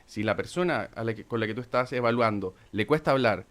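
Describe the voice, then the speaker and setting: A middle-aged man, a doctor explaining step by step in a radio talk, calm and methodical with pauses. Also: fairly low pitch. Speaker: physician guest.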